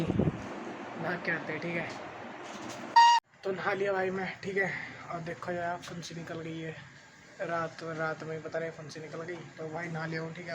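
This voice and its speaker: A young man narrating his daily vlog at home in a casual, chatty way, filling his talk with "bhai" and "theek hai" and sometimes dropping to a hush. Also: on the high side. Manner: drops to a hushed voice at night. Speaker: vlogger. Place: family home and rooftop. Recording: noisy home phone recording.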